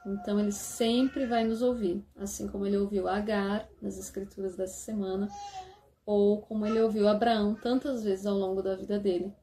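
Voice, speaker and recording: Mellow-voiced woman explaining gently. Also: mid-range voice, little pitch movement, normal speed, a little hiss or hum. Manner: gentle, explanatory, often ends phrases with "né?". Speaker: church lesson presenter for parents. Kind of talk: casual instructional talk.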